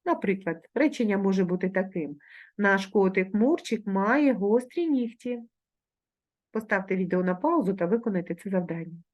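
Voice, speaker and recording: A woman with a Ukrainian accent, a primary school teacher giving a recorded online lesson, dictating words slowly and clearly. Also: mid-range voice, expressive, darkish tone, lo-fi sound. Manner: slow, carefully articulated dictation of words.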